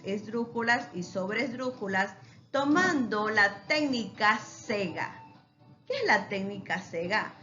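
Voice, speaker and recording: Woman teacher, slow and emphatic, bright, lo-fi recording with faint music underneath. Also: on the high side. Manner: slow, emphatic, asks rhetorical questions and answers them. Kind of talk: recorded online lesson.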